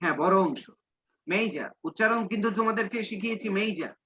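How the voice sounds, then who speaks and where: A male English teacher giving a class lesson, reading English lines slowly and explaining them in Bengali. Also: high-pitched, sharp tone, no echo, muffled recording.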